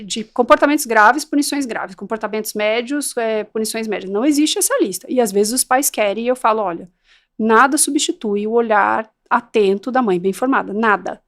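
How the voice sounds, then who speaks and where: Animated woman explaining parenting. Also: on the high side. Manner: animated, acts out parents and children in quick voices; firm and direct. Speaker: guest parenting educator. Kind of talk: conversational podcast interview.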